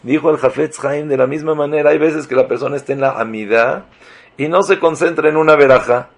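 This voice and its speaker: Animated man giving a religious talk. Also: on the high side, a little fast, creaky. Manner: animated, swings between loud emphasis and soft asides; uses Hebrew religious terms.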